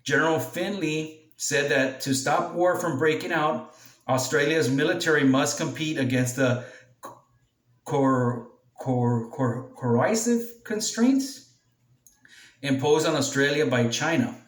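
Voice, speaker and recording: Echoey, distant man reading news aloud. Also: on the high side. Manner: halting reading with stumbles over words. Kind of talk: read-aloud news commentary. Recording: echoey room, distant from mic.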